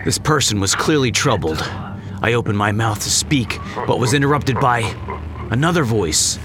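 A man narrating a horror story in a low, hushed, suspenseful way. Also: expressive, moderate pace, background noise. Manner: low, hushed and suspenseful, jumping higher in dialogue.

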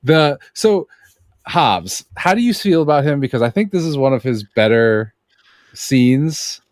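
Man, podcast co-host, excitable casual movie talk, mid-pitched, dry close mic. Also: unhurried, no echo. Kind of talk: casual film discussion.

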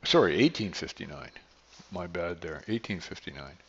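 Deep-voiced man in an echoey room. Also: lively intonation, moderate pace, breathy edge. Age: middle-aged or older. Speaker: podcast host, beekeeper. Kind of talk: casual podcast monologue. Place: echoey makeshift indoor studio. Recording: echoey hall-like studio, dull sound.

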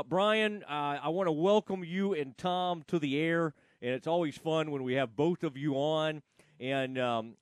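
A man hosting a casual sports radio chat, talking in a rambling, halting way with frequent false starts. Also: fairly high pitch, no echo.

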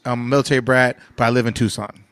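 A man joining as a guest DJ, chatting quickly and casually. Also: mid-range voice, fairly even intonation, fairly bright tone, clear, resonant tone, no room sound. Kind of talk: casual chat.

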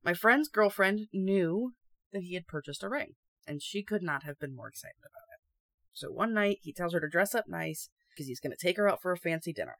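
A young woman co-hosting a casual chat and reading stories aloud, chatty and quick to laugh. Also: lowish voice, animated, a bit bright, no echo. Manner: chatty and giggly. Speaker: podcast co-host.

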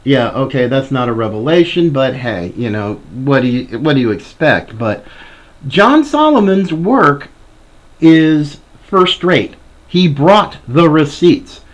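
A man's voice: on the high side, very animated, slow. A man hosting a political commentary show, addressing listeners with a ringmaster's showmanship. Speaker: talk show host.

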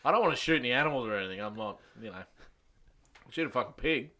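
An Australian man in loose, casual banter. His voice is bright and forceful at an average pitch, and he talks bluntly with plenty of swearing. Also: animated, quick pace.

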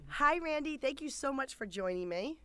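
Female podcast host, lively swinging pitch, enthusiastic interviewer. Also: normal speed, dry recording. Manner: enthusiastic, animated, lots of fillers.

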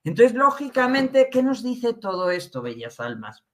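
A woman giving a spiritual talk, slow and emphatic, often checking in with a tag question. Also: a little high, big pitch swings. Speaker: spiritual teacher. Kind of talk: spiritual talk to an online audience.

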